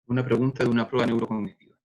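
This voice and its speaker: A man's voice: medium pitch, flat delivery, racing, mellow. A middle-aged man gives a university lecture in a conversational way, working through examples with frequent hesitations. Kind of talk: recorded lecture on neuropsychology.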